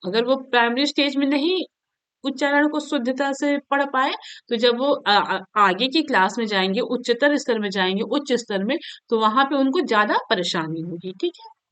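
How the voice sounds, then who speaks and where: A woman's voice: a little high, normal speed, fairly bright tone, clean tone, no room sound. A woman teacher giving an exam-prep lecture, explaining step by step and asking and answering her own questions.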